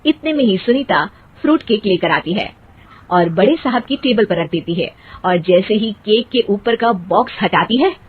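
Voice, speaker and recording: A woman's voice: medium pitch, lively intonation, normal speed, husky, narrow, tinny audio. A woman narrating a scripted comic story for a cartoon, as the storyteller between the dialogue.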